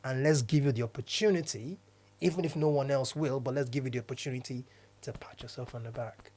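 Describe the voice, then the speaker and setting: A man's voice: medium pitch, fast talker, darkish tone. A man from Nigeria co-hosting a podcast in casual chat, speaking earnestly and often restarting his phrases. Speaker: podcast co-host, diversity consultant.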